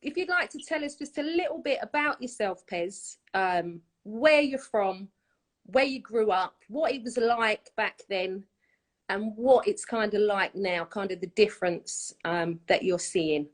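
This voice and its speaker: A woman's voice: mid-range voice, a little slow. A woman from London with a London accent, hosting a casual interview, effusive and repeating herself. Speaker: host.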